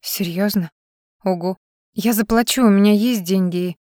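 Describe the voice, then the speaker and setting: Heartbroken young woman, soft and subdued, as the narrator reads her. Dry, close sound. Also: mid-range voice, moderate pace, no room sound, lightly acted. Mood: weary.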